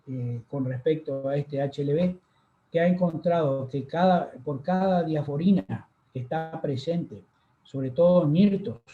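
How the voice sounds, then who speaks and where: A man's voice: fairly high pitch, warm tone. Male lecturer, echoey lo-fi audio. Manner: unhurried, many fillers and pauses. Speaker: university lecturer. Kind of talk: online lecture over slides. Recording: echoey room, dull lo-fi sound.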